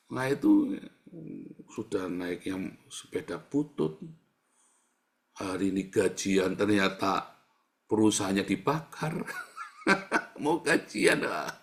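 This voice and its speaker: Man, sermon, middle pitch, raspy fry, animated and playful. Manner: lively, joking, mimics crying prayers, repeatedly addresses listeners. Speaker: preacher.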